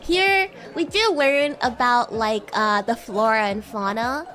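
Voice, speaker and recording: A slightly high, fairly bright voice speaks unhurriedly over soft background music. The VTuber behind it is livestreaming an improvised roleplay as a bratty demon schoolgirl, playfully teasing and giggling with a listener she calls human.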